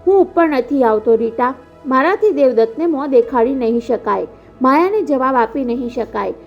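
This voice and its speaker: A woman reading the part of a wealthy older father who pleads softly, in a dull lo-fi recording with faint music. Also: high-pitched, animated, normal speed, gravelly. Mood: defeated. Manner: soft, restrained delivery.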